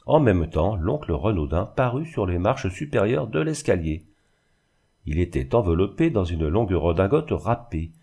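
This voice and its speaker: A man reading a classic novel aloud in measured scripted narration. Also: low-pitched, sing-song, gravelly, dark tone, husky. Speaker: audiobook reader.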